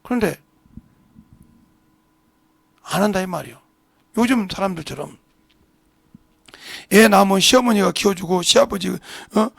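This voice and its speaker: A middle-aged man preaches an animated sermon in a church and slips into voices for the people in his examples. His voice sits fairly high and is heavily gravelly and husky. The sound is dry and close, with little room around it. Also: unhurried, long pauses, dry recording. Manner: animated preaching, acting out family dialogue. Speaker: pastor. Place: church sanctuary.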